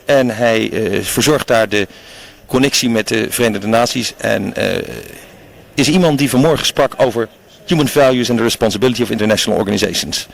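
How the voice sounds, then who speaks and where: A man's voice: lowish voice, a little fast, vocal fry. A man with a Dutch accent interviewing a guest, asking long, searching questions with hesitant fillers and restarts. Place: conference venue.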